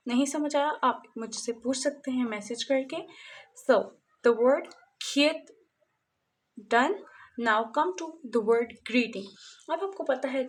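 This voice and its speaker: A woman teaching a casual beginner language lesson, slowly repeating each sound as she writes it. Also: a little high. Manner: slow, repetitive drilling of sounds while writing. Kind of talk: casual spoken lesson, mixing Hindi-Urdu and English.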